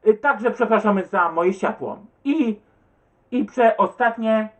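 A man's voice: sits high, slow. A man who answers viewer comments in an agitated, stumbling rant, swearing and repeating himself. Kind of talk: rambling webcam rant.

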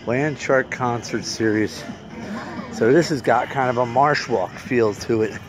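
Reviewing local bars, a mid-range-voiced vlogger in his forties wanders outdoors through a parking lot and around a bar, rambling and thinking aloud without a script. He holds his phone at arm's length, so the outdoor recording comes out noisy.

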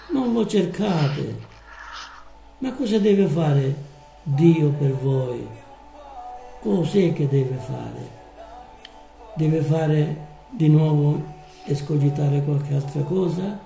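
Slow, gravelly male preacher. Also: a little high, expressive, warm tone, echoey room, soft background music, rough recording. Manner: slow, drawn-out, emphatic preaching. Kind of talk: live sermon.

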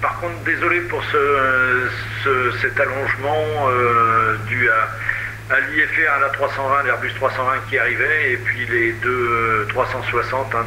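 A man's voice: mid-range voice, sharp tone. Male air traffic controller, piercing radio-headset voice, echoey, courteous but hesitant phraseology. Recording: roomy, slightly noisy radio transmission.

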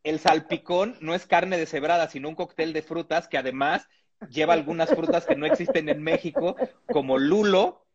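A man's voice: a little high, animated, normal speed, slightly rough, muffled recording. A man from Mexico, reading a humorous text aloud with comic asides and chuckles.

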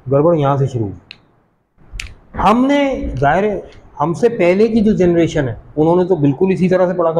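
A man from Pakistan teaching a class, explaining English pronunciation patiently, repeating words slowly and putting questions to the students. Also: fairly high pitch, a little mellow, dull audio, a little hiss or hum. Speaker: college teacher.

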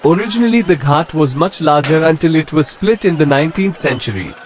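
A man giving a scripted travel narration in an even, informative guidebook manner. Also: a little high, a little fast. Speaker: travel vlogger.

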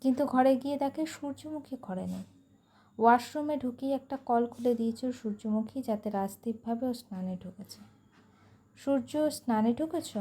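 Woman storyteller, voices all the parts, warm tone, fairly high pitch. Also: moderate pace. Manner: voices all characters herself, lively dialogue. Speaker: story reader. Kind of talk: expressive storybook narration.

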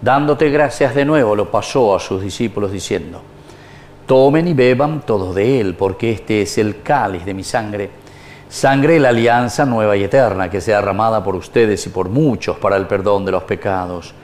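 Reciting liturgical prayer at Mass, a priest keeps a solemn, measured, formal delivery in a somewhat low, slightly mellow voice. The setting is a small wood-panelled chapel, and his lapel mic adds a little hiss or hum.

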